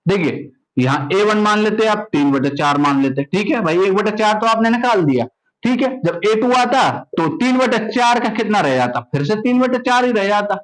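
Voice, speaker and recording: A young man with a high voice gives a maths lesson. He keeps asking his students questions, repeats them, and then answers himself in a steady classroom rhythm. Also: normal speed, low-quality recording. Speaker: maths teacher.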